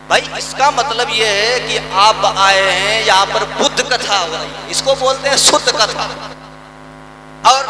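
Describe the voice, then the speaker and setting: A man preaching a devotional sermon to a village crowd, speaking to them directly and chanting precepts slowly. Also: extremely high pitch, noisy background. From Uttar Pradesh, India. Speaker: Buddhist preacher and singer. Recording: echoey loudspeaker sound at a distance. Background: music.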